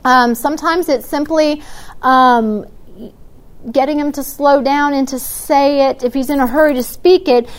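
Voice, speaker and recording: A woman talks parents through their questions, her voice sitting a little high. She explains step by step, practical and unhurried, with frequent fillers and restarts. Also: steady tone. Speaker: early childhood educator answering parents. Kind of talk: Q&A talk to parents.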